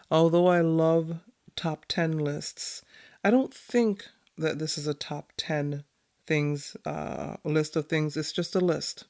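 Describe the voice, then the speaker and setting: A woman hosting her own podcast, talking excitedly and chattily, laughing often, with many fillers. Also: deep voice. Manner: many fillers, reads from notes. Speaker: podcast host. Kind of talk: solo podcast monologue.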